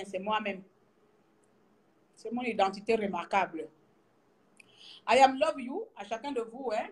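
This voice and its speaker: A middle-aged woman from Gabon with a Gabonese French accent, teasing her viewers in a lively casual vlog, laughing often and trailing off as she searches for words. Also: medium pitch. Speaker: vlogger. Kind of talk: casual mocking commentary to viewers.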